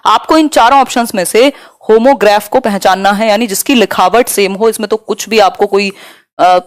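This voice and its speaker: A young woman teaching a live online exam-prep class, explaining terms in a mix of Hindi and English and slowing down to read questions aloud. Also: medium pitch, no room sound, clean studio sound.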